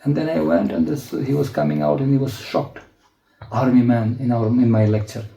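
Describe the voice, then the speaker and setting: A male spiritual teacher, telling stories in a sermon with frequent laughter and animated acted-out voices. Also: mid-range voice, moderate pace, creaky. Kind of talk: storytelling sermon. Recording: echoey lecture hall.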